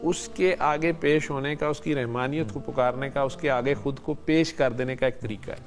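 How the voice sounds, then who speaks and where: A man speaking as a spiritual healer on a podcast, giving calm advice and often repeating phrases like a sermon. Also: mid-range voice, soft background music.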